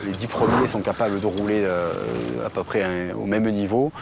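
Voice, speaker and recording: A man's voice: fairly low pitch, fairly even intonation, moderate pace. A man, a downhill racer, talking in a hesitant way in an interview. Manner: hesitant, many fillers. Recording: noisy outdoor sound.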